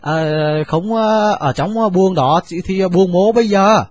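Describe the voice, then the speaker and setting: A man's voice: high voice, extremely slow, darkish tone, voice pushed up, full character voice. A man voicing a flustered male servant who stammers and hesitates.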